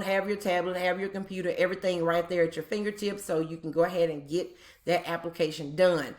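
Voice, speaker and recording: A woman's voice: mid-range voice, a bit bright. A woman hosting a job-tips video, explaining in a casual, chatty way with frequent ums and repeated points. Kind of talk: casual explainer talk to viewers.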